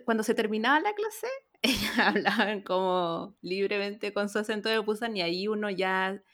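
A woman leads a casual panel conversation. Her delivery is relaxed and she slips laughter into her sentences, with a pitch in the middle range for a woman. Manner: relaxed, laughs often while talking. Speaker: host.

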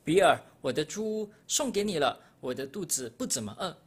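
A young man voicing a hungry wolf in a storybook reading, rough and breathy. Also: on the high side, very animated, normal speed. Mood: sheepish. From Malaysia. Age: young adult. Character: big hungry wolf, eager then sheepish.

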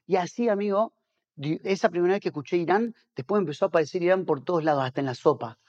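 A man, a pastor and missionary, talks as a guest in a relaxed interview. He races through his stories in a somewhat high voice, tripping over restarts and repeating words as he goes. The recording sounds dull and muffled. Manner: rapid, animated storytelling with many restarts and repeated words. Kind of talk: casual storytelling interview.

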